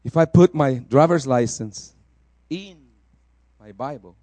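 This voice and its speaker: A man from El Salvador preaching a sermon, rising to loud exclamations and dropping soft for personal testimony. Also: medium pitch, slow, dry recording.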